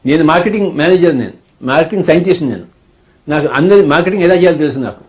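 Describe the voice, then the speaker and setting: A man's voice: a little high, animated, racing, a little mellow. An older man, chatting playfully as a spiritual teacher and acting out the lines he quotes with a teasing manner. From India. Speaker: spiritual teacher being interviewed. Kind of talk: casual chat.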